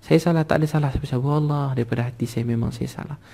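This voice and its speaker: A man's voice: mid-range voice, steady tone, racing, creaky, warm tone, slightly rough, pitched above the performer's own voice. A man voicing a tearful humble old scholar. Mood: remorseful. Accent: Malaysian. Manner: pleading, repeating himself. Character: humble older male scholar, repeatedly apologizing, tearful.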